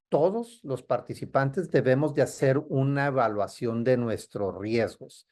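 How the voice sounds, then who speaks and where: A man's voice: mid-range voice, darkish tone. A man, a trade compliance consultant, explaining security rules in a didactic way and checking in with his listeners. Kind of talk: explanatory talk.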